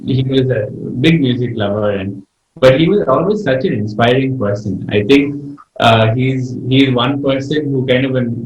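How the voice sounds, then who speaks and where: A man answering casually in an interview as a musician, halting and often restarting his phrases. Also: mid-range voice. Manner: hesitant, halting, repeats phrase starts. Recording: echoey, distant, slightly dull microphone.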